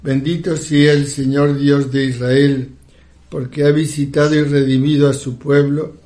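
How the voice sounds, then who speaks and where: A man leading a liturgical prayer in a solemn, measured recitation. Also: mid-range voice, level tone, warm tone, soft background music.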